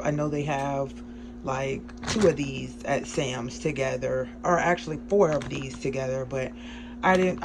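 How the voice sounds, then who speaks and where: A woman chatting excitedly in a casual grocery haul vlog from a small home kitchen, with many ums along the way. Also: low-pitched. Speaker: vlogger.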